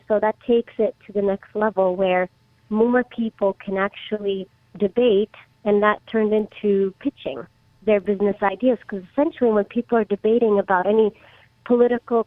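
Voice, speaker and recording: A woman's voice: mid-range voice, no room sound. Woman guest on a tinny phone line. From Czech Republic. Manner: hesitant, many restarts and fillers. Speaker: startup guest. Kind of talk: casual interview answers.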